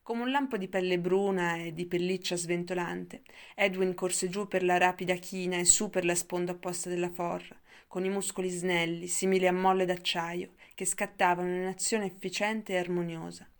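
A woman narrates an audiobook in a calm, measured manner. Her voice sits a little low and stays even.

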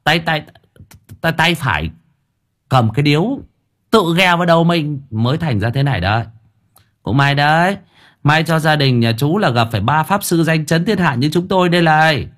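A man's voice: medium pitch, very animated, slow, few pauses, breathy edge, exaggerated voice. A man voicing a middle-aged male thug who stammers frantically. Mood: boastful.

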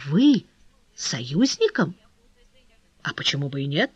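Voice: medium pitch, big pitch swings, slow pace, husky, no echo, highs cut off, pitched below the performer's own voice, heavily acted. A reader voicing a proud, passionate young courtesan in an audiobook, haughty and then fierce. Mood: shaken. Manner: haughty, flaring into fierce outbursts. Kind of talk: audiobook character reading.

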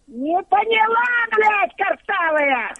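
An older woman arguing on a phone call in a gruff, hostile, foul-mouthed way. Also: very high voice, very animated, slow, pushed and bright, no room sound. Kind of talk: prank phone call, casual argument. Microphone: telephone. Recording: dull lo-fi telephone line.

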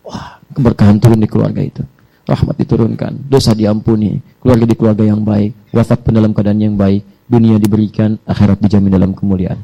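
A male preacher delivering a fast, fervent sermon, repeating phrases and prayers in waves. His voice is dark and mellow, with a gravelly creak. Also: fairly low pitch, little pitch movement, lo-fi sound.

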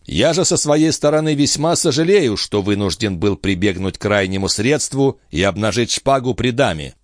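A man's voice: fairly low pitch, animated, normal speed, no room sound, studio quality, pitched above the performer's own voice, close to an everyday voice. A man voicing a composed, courteous young officer.

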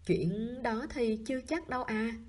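A woman's voice: a little high, measured pace, warm tone, voice pushed up. A woman voicing a lonely young man who teases and playfully challenges a child, in an audiobook. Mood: teasing.

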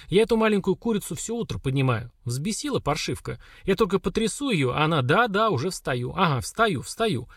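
A man's voice: sits high, big pitch swings, a little fast, hardly any pauses, fairly bright tone, breathy edge, no room sound, studio quality, voice pushed up, heavily acted. A man voicing a stern, mocking older woman warrior who scolds the girls. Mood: scolding.

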